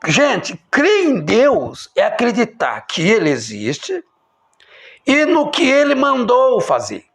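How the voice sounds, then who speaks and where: A man preaching an impassioned sermon, emphatic, swinging between loud exclamations and low, quiet lines. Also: huge pitch swings, takes it slowly, creaky.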